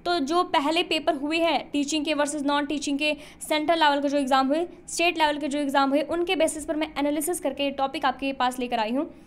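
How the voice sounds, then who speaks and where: A woman's voice: sits high, steady tone, a little fast, hardly any pauses. A woman teaching an online exam-prep lesson, explaining step by step and often asking her students questions before answering them.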